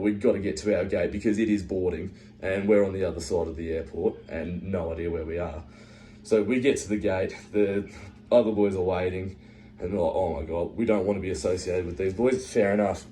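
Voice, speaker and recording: A man's voice: lowish voice, warm tone, a little hiss or hum. A young Australian man giving a comic storytelling speech, acting out his friends' voices and swearing casually. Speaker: speech giver.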